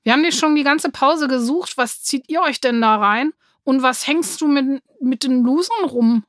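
A woman's voice: medium pitch, moderate pace, a bit bright, no echo, studio quality, natural voice. A woman voicing a cocky, mocking schoolboy bully in a children's story. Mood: taunting. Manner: mocking, sneering.

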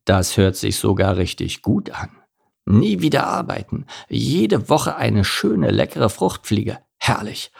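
A man voicing a smug, lazy male harvestman spider who mutters dryly and a little condescendingly, with a husky, gravelly voice. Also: fairly low pitch, very animated, slow, heavily acted. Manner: dry, slightly condescending muttering. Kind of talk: children's audiobook acting.

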